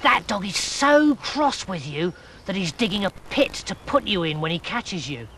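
A man voicing an excitable, bossy female frog in a storybook, high and emphatic. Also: moderate pace, distant mic, a little hiss or hum, full character voice.

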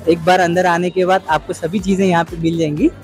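A man with a high, lively voice, chatting his way through a busy supermarket on a store-tour vlog. Soft music plays in the background. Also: fairly quick. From Hyderabad, India. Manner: upbeat, chatty presenter. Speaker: vlogger and host. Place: large busy supermarket indoors.

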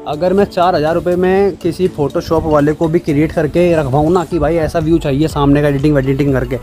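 A young man talks quickly to his camera from an open rooftop. His voice sits a bit high, and he keeps checking in with his viewers as he goes. Clear music plays under him. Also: fairly even intonation, dark tone. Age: young adult. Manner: chatty, keeps saying "friends" and "okay?". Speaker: kite-flying vlogger. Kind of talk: casual demo and live commentary.

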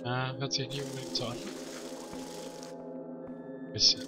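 Male let's player, mid pitch, dry offhand commentary, heavy game music underneath. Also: completely flat delivery, a little slow. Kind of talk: casual gameplay commentary. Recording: loud game music behind voice. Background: video game music and sounds.

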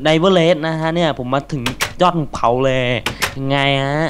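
A young man hosting a casual game let's-play, excitable, swearing and chatting to the animals in the game. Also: on the high side, measured pace, background noise. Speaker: gaming channel host.

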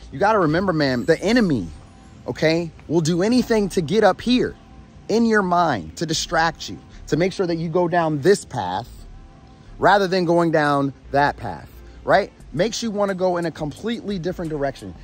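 This man's voice is hoarse and on the high side, as though he's losing it, and he sounds tired yet energetic. He's a motivational YouTube host and coach talking to camera, calling viewers "family" and checking in with "all right?" while music plays in the background.

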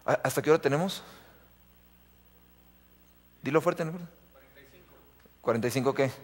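A man with a husky, mid-range voice preaches live to a youth congregation at normal speed. He is emphatic, returns to refrains and asks the audience questions, all within the long reverb of a church sanctuary.

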